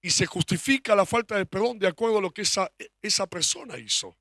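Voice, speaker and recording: Emphatic Rioplatense pastor, high voice. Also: male voice, fast, a bit bright, no echo, studio quality. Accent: Rioplatense Spanish. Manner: emphatic preaching with rhetorical questions. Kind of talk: sermon.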